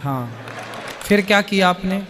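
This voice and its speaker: A man's voice: high voice, unhurried, fairly bright tone, a little hiss or hum. A man acting as a spiritual guru, answering a questioner with teasing laughter. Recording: crowd audible behind.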